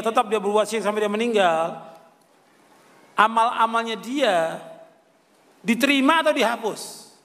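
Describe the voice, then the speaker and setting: This older Islamic preacher's voice is high and fairly bright as he lectures on religion. Asking questions only to answer them himself, he repeats important phrases, and the recording echoes around a reverberant hall.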